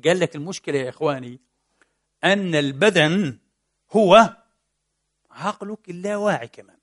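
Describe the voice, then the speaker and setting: A man giving a lively religious lecture, asking rhetorical questions and answering them himself, mixing colloquial and formal with English technical terms. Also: a little high, moderate pace. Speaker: preacher and lecturer.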